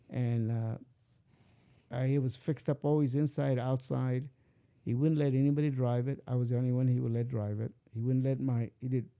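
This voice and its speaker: An older man, a father being interviewed casually, tells a long personal story, rambling and acting out the quoted voices in it. His mid-range voice is gravelly and mellow, and the sound is clean.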